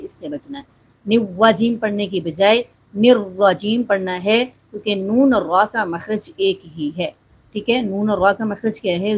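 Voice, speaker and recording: A woman teaching Quran recitation step by step. She explains each sound, demonstrates with slow drawn-out recitation, and keeps checking in with the listener. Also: mid-range voice, slight background noise, poor audio.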